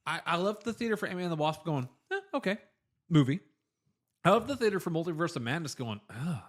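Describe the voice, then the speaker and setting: A man chatting casually about films, animated, with his pitch swooping as he makes his points. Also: racing. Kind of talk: casual film chat.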